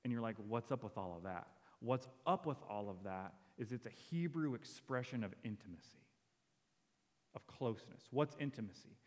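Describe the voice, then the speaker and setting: A man's voice: mid-range voice, lively intonation, moderate pace, a little mellow, in a large hall. A man preaching a sermon as a pastor, earnest and conversational, quoting lines as he goes. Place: church sanctuary.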